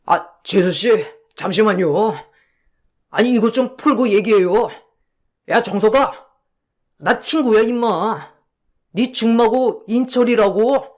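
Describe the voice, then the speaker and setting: A man's voice: sits high, slow, long pauses. A man playing a smug, scheming con artist in a radio drama, coaxing an old school friend and then hurling abuse once he is caught. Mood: pleading. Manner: wheedling and brazen, turns to abuse when caught.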